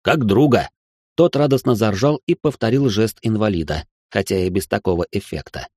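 A man narrating a comic fantasy audiobook in a wry, even storytelling manner. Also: on the low side, brisk, dry recording, studio quality. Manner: wry, even storytelling, also voicing a laid-back brawler.

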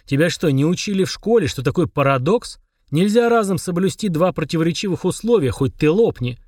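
A man reading an audiobook and voicing a tiny, haughty male demon who speaks slowly and scornfully. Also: on the high side, expressive, darkish tone, no room sound, studio quality, pitched above the performer's own voice. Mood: condescending. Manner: disdainful, slow and clipped.

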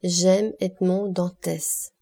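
A woman's voice: mid-range voice, a little slow, warm tone, natural voice. A woman reading the part of a steadfast young woman in love, earnest and emphatic, in an audiobook. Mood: firm.

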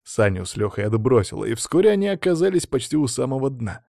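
A male audiobook narrator with a mid-pitched voice and a steady, even storytelling manner. The sound is dry and close, with no room around it. He reads in a plain, measured way. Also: gravelly, no room sound. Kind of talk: scripted narration.

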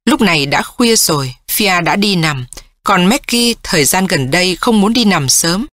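Audiobook narrator, woman, measured and even, dry close mic. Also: on the low side, no echo. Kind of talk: scripted narration.

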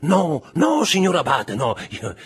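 An Italian man reading an audiobook, voicing a frightened male thief who stammers and pleads in a high, strained voice. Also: sing-song, moderate pace, vocal fry, fairly bright tone, slightly rough, exaggerated voice. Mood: pleading.

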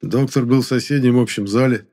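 A man narrating an audiobook in a measured, expressive way. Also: mid-range voice. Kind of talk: scripted narration.

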